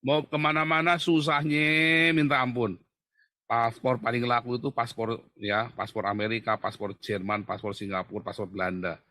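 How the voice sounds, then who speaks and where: Male streamer, animated preacher-style rant, bright forceful voice, mid pitch. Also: normal speed, dry recording, studio quality. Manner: animated and mocking, often addressing listeners as brothers. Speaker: livestream commentator. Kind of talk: fiery livestream monologue.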